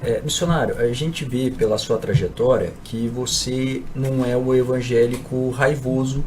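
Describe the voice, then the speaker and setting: A man's voice: medium pitch, normal speed, slight background noise. A Brazilian man hosting an interview, asking questions in a hesitant, searching way. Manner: hesitant, searching for words with fillers. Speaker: podcast host.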